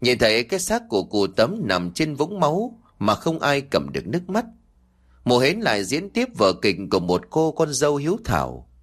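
A man's voice: mid-range voice, normal speed. A man narrating a scripted horror folk tale, telling it expressively and voicing the dialogue. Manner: lively, expressive storytelling with acted dialogue. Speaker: storyteller.

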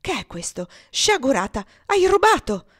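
A woman's voice: medium pitch, moderate pace, natural voice. A woman reading aloud, voicing a stern, indignant spinster governess who scolds sharply. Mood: scolding.

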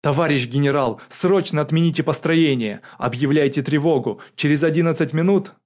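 A man voicing a desperate male special forces officer who shouts urgent orders. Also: mid-range voice, steady tone, normal speed, lightly acted. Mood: urgent, shouting.

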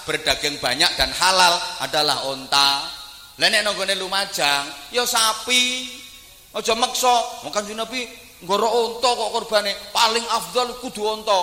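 A man preaching a humorous sermon, jumping between jokey asides and loud declamation, recorded in a large echoing hall. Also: high-pitched, slight background noise. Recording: echoey hall with long reverb.

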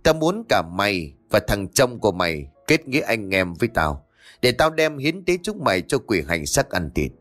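A man's voice: on the low side, big pitch swings, normal speed, fairly bright tone, faint music behind. Man voicing a cruel, snarling village brute. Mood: menacing. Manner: snarling, threatening. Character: cruel hot-tempered male neighbor, menacing.

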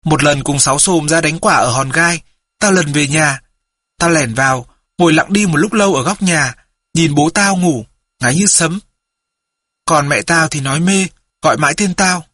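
A man's voice: a little high, normal speed, sharp tone, husky, dry recording, clean studio sound. A man voicing a remorseful teenage runaway boy in an audiobook, confessing in a heartfelt way. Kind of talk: audiobook character voice.

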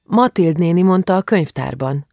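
A man voicing a timid, soft-spoken teenage girl in a storybook reading. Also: fairly high pitch, animated, gravelly, no echo, clean studio sound, pitched above the performer's own voice.

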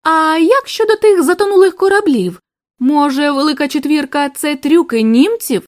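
A woman's voice: sits high, animated, moderate pace, no echo, clean studio sound. A woman reading the lines of a skeptical American male captain in an audiobook, in a drawling, questioning way. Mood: curious.

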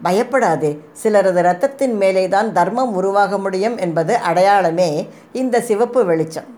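A woman voicing a calm hunter woman of the forest who speaks in riddles and prophecies in a storybook reading. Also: medium pitch, measured pace, natural voice. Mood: cryptic.

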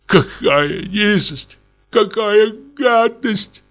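A man voicing a deaf, pompous old retired navy captain who talks in a booming, declamatory way. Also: lively intonation, unhurried, a bit bright, soft background music. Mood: bewildered.

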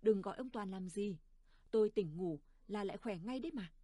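A woman's voice: medium pitch, brisk, warm tone, dry recording, clean studio sound, natural voice. A woman voicing a tired, stubborn old village mother who brushes off worry. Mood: tired, dismissive.

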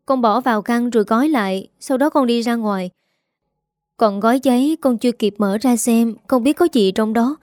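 A woman's voice: on the high side, normal speed, darkish tone, no echo, natural voice. Storybook daughter, young and remorseful, pleading, read by a woman in her own voice, dry close sound. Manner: pleading, apologetic.

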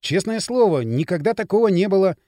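A man's voice: high-pitched, animated, fairly quick, dark tone, no room sound, clean studio sound. A male reader voicing a proud, awkward young village man who answers in blunt, short retorts. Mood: startled.

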